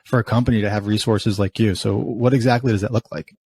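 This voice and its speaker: A man's voice: lowish voice, steady tone, fast talker, a little mellow, husky, no room sound. A man hosting a podcast interview, asking questions eagerly and often restarting his words. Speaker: podcast host. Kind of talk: conversational interview.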